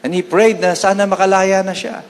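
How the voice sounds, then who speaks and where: High-voiced Filipino pastor preaching in a hall. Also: male voice, steady tone. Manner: switches between Tagalog and English, quotes scripture slowly. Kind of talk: sermon.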